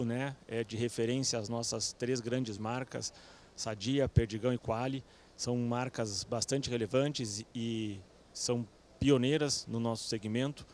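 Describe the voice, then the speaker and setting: A man gives a company presentation into a stage microphone at a conference. His voice sits in a middle pitch range and his delivery is relaxed and conversational, with small fillers and self-corrections. Light ambient noise from the venue sits beneath him. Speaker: company executive panelist. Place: event stage with audience.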